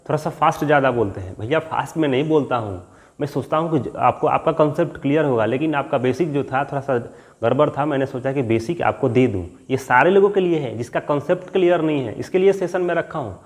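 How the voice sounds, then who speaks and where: A man teaching an English grammar lesson, explaining patiently, dictating example sentences slowly and often checking that students understand. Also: on the high side, a little mellow, in a large hall. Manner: checks understanding with repeated questions.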